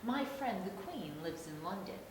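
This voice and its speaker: Woman doing a very high chirpy lady rabbit for toddlers. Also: big pitch swings, normal speed, natural voice. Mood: chirpy, helpful. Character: bright, helpful female storybook rabbit, chirpy. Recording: echoey room, distant mic, noisy rumble.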